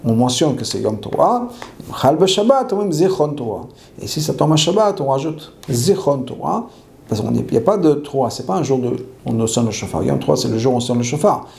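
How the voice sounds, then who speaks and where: Male rabbi teaching a law class, gravelly and dark-toned, reads Hebrew then explains, repeats key phrases. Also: medium pitch, animated, fairly quick. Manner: asks questions and answers them himself.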